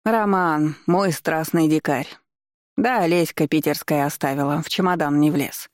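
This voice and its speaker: A woman voicing a bossy, sharp-tongued old grandmother who grumbles and scolds bluntly, recorded dry and close. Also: low voice, a little slow, no echo. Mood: grumbling. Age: older.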